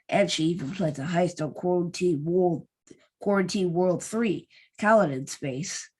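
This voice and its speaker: A woman with a lowish, husky voice co-hosts a podcast. She reads a story recap in an even tone and slips in playful asides, mixing casual chat with the read recap.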